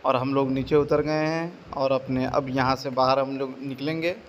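This lo-fi clip features a young man's medium-pitched, steady voice at normal speed as he walks and vlogs, phone held at arm's length. Repeating "ye dekhiye," he shows viewers a large indoor mall, then the street and the metro, over loud mall and traffic noise.

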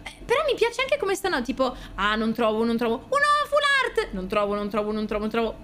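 Young Italian woman streamer, excitable and loud when thrilled, high and animated voice. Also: fairly quick, slight background noise. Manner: excitable, squeals and shouts at pulls, swears often. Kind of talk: casual card-opening stream chat.

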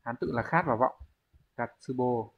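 A man's voice: medium pitch, moderate pace, creaky, breathy edge, lo-fi sound. A man teaching a language exam review lesson. He explains step by step and keeps checking with the class. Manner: explains step by step, often asks the class to confirm.

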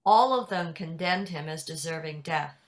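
An older woman reading scripture narration in a measured, deliberate way over a video call. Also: low-pitched. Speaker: narrator in a church dramatic reading. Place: indoors at home on a video call. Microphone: video call computer microphone.

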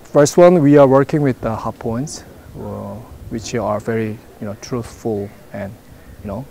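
Man, 40s, halting English full of fillers, mellow, faint outdoor hiss. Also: medium pitch, vocal fry. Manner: halting non-native English with many fillers. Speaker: product manager interviewee. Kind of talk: interview answers. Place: outdoors in front of a branded backdrop. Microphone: lapel mic.

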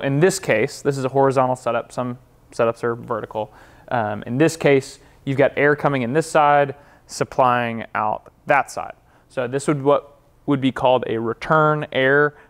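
A man, walking through how a home cooling and heating system works, gesturing at the equipment in a warehouse workshop. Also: medium pitch. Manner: plain, practical, explains with hand gestures. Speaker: HVAC company representative. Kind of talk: explanatory equipment walkthrough. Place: large warehouse workshop with concrete block walls.

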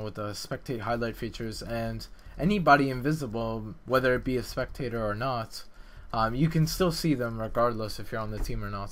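In a dev vlog about a game map he developed, a man comments on the gameplay casually and hesitantly, wandering off topic and putting himself down. He speaks at medium pitch, and there's a little hiss or hum on the audio.

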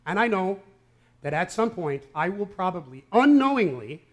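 A man's voice: high voice, very animated, normal speed. A male pastor giving a conversational sermon with an Upper Midwest American accent, often checking in with "right?" and "okay?". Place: church sanctuary.

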